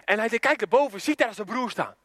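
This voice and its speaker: Guy preaching a story, high voice for a man, dry close sound, lots of chatty asides. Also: fairly quick, dry recording. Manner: animated, chatty, with casual asides to listeners. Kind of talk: storytelling sermon.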